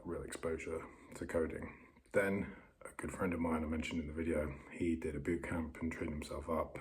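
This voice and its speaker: A man in his thirties talking casually to a vlog in a very quiet voice, keeping it down as if not to be overheard. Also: extremely low pitch, rough recording. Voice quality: very quiet, hushed voice. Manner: self-conscious, keeping voice down so others nearby don't hear. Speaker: vlogger documenting learning to code. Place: upstairs bedroom in a holiday home.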